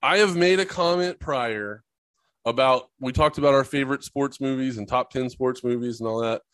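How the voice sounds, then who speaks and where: A man's voice: medium pitch, moderate pace, fairly bright tone, dry recording. A man co-hosting a crude, casual sports podcast, joking and laughing often and swearing freely. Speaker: podcast co-host.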